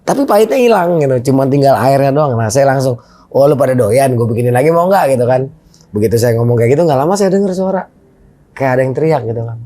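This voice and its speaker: A man's voice: mid-range voice, fast talker. A middle-aged man, telling a personal anecdote as a guest in casual conversation and acting out the dialogue in it. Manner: animated, re-enacts dialogue in his story. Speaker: guest storyteller.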